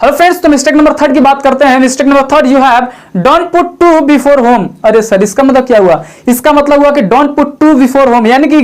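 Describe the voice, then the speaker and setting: A grammar lesson comes from a male English teacher whose voice is very high-pitched. He works through questions he raises himself, restates each point, and keeps a conversational tone, addressing the viewer as "sir."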